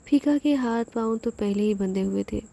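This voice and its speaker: A woman's voice: mid-range voice, vocal fry, warm tone. Woman narrating a dramatic novel. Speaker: audiobook narrator. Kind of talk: storybook narration of a spy novel.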